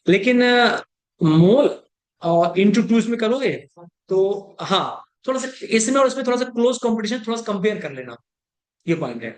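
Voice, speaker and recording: A male chemistry teacher giving a classroom lecture. He keeps checking whether his students have understood, mixes English terms into his talk, and slows down to dictate before speeding up to explain. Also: sits high, expressive.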